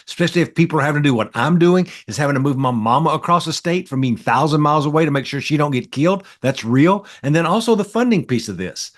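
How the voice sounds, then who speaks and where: A middle-aged man, talking politics in a blunt, folksy way as a podcast co-host. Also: on the high side. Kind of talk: casual political chat.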